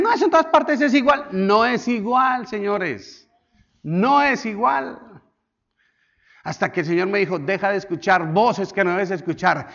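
Man, Colombian accent, pastor, sermon, repeats words for the congregation, fairly high voice, muffled lo-fi recording. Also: fairly bright tone. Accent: Colombian Spanish. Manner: repetitive, exhortative, calls the congregation to repeat words; acts out little scenes with shifting voices.

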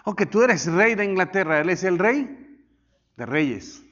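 A male pastor preaching a sermon, swinging from loud declarations to hushed asides and having the congregation repeat after him. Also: sits high, big pitch swings, a little slow, muffled recording.

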